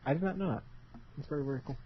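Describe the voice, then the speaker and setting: A man's voice: on the high side, racing, breathy edge. A man co-hosting a casual gaming podcast, rambling with a wry, offhand manner. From United States. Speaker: podcast co-host. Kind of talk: casual chat. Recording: dull lo-fi podcast mic.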